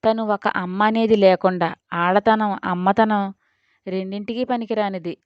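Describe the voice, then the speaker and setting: A woman narrating a dramatic audio story in an expressive storytelling style. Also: mid-range voice, measured pace, smooth, no echo. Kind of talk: scripted narration. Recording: dull lo-fi audio.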